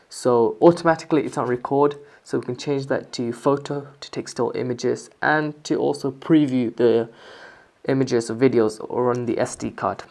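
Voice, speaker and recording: This mid-range, slightly mellow voice belongs to someone narrating a casual product review that sounds scripted. They walk through the features one at a time in a relaxed, explanatory way.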